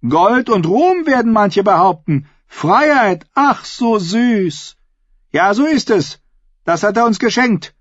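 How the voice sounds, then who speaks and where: A man's voice: sits high, animated, slow, fairly bright tone, dry recording, muffled recording, pitched above the performer's own voice, heavily acted. A man voicing a bold, mocking young woman who teases a crowd of sea captains in an audiobook. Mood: rousing. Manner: teasing, cocky, commanding.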